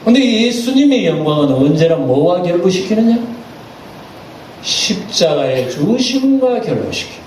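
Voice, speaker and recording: A male pastor preaching with a fairly high but mellow voice, lively and dramatic. He sits back from the mic, and the sound rings through a roomy church hall with faint background noise. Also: a little slow, recorded from a distance. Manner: animated, acts out quoted voices. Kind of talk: sermon.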